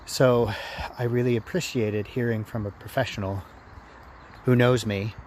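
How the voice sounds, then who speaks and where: A man talking casually to his vlog in a reflective, halting way, often repeating phrases as he works through his thoughts. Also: mid-range voice, steady tone, a little mellow, a little hiss or hum. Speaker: vlogger. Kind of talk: casual personal vlog monologue.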